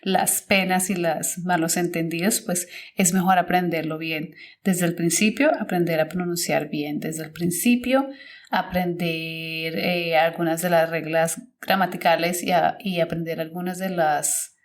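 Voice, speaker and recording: Woman musing aloud, slightly low. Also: fairly even intonation, a little slow. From Colombia. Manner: thinks aloud, self-correcting and searching for words. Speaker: teacher and podcast host. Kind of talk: casual podcast monologue.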